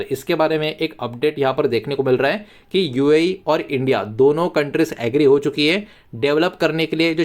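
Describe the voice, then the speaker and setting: A man with an Indian accent presenting market news as an explainer, going point by point. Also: a little high. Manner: repetitive hedging catchphrases, point-by-point explaining. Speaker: finance news YouTube host.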